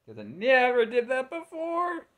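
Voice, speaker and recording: A man hosting a casual livestream, his voice pitched up by software into a chipmunk-like sound, talking in a chatty, self-deprecating way. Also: wildly swooping pitch, unhurried. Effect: pitched-up chipmunk-like sound from streaming software. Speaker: livestream host.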